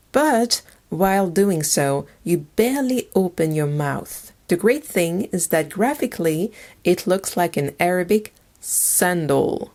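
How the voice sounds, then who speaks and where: A woman teaching a language lesson in scripted narration, naming each letter slowly and repeating it. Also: on the low side, darkish tone. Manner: slow, deliberate, repeats each letter name.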